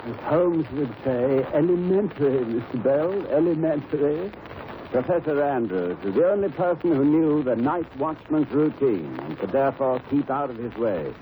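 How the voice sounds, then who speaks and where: A man playing an excitable, genial gentleman doctor and storyteller in a 1930s radio drama. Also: medium pitch, normal speed, close to an everyday voice. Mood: genial, amused. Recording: noisy, tinny 1930s radio recording.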